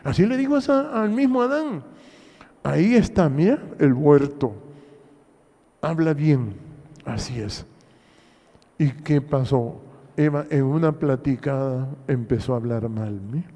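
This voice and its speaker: Honduran pastor guy preaching slow, voice swooping up and down, lots of reverb in the church. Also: on the high side, lively intonation, dark tone. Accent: Honduran Spanish. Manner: preaching, addresses the congregation with repeated rhetorical questions. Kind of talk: sermon. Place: church hall.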